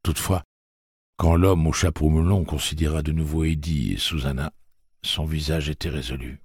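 A man narrating an audiobook in a steady, measured way. His voice is very deep and a touch husky, recorded dry and close with no room sound. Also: no room sound. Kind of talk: scripted narration.

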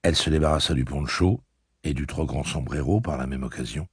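A man reading a novel aloud as an audiobook narrator, telling the story in a measured, steady way. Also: extremely low pitch, slightly rough, dry recording, clean studio sound.

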